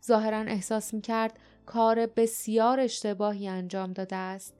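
A woman narrating an audiobook calmly and steadily. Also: mid-range voice, smooth, faint music behind. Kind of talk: scripted storybook narration.

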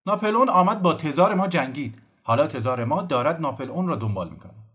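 A man doing a halting, homesick cossack soldier. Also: on the high side, expressive, a bit bright, voice pushed up. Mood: earnest. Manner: halting, simple phrasing. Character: plain Russian cossack soldier, simple, homesick. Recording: faint music behind.

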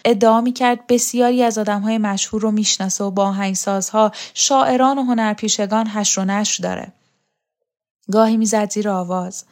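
A proud, worldly older woman speaks in a storybook, her manner wry and reflective as she recalls the past. A woman voices her in her own even reading voice. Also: mid-range voice, lightly acted. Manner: reflective, mocking.

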